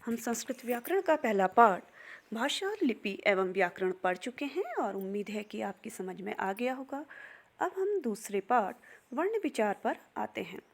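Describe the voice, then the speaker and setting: A woman's voice: a little high, big pitch swings, unhurried. A young woman giving a recorded grammar lesson, spelling out sounds one by one. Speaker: teacher.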